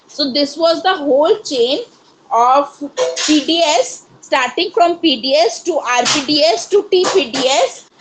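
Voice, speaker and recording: Over a video call, a woman with an Indian English accent gives an online lecture as a course counsellor, explaining things steadily. Her voice sits high, and the audio is poor, with slight background noise.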